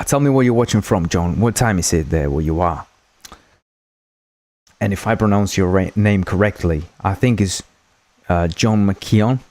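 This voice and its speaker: A low-pitched man with a darkish tone hosts a game development livestream. Spanish is his first language, and his casual chat rambles and jokes along while he thanks viewers often.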